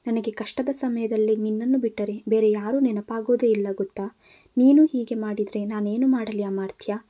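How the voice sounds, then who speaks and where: A woman's voice: a little high, fairly even intonation, moderate pace, dark tone, close to an everyday voice. A woman voicing a tearful, pleading young woman. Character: frightened young woman pleading through tears.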